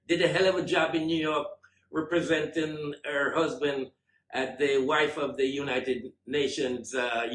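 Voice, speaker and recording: A man giving a fond, reminiscing eulogy with gentle self-mocking humor. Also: mid-range voice. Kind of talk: memorial eulogy. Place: large school hall. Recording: echoey hall.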